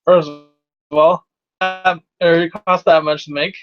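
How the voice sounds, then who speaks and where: A high-voiced man chats casually about films as a podcast host, rambling and hesitant, with frequent laughs. The recording sounds dull and lo-fi. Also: fairly even intonation, slow, faint music behind. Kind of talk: casual movie review chat.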